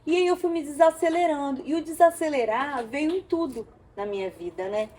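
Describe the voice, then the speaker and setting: High-voiced woman telling her story. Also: fairly quick. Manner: animated storytelling, acts out dialogue. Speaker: interview guest. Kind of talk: emotional personal testimony.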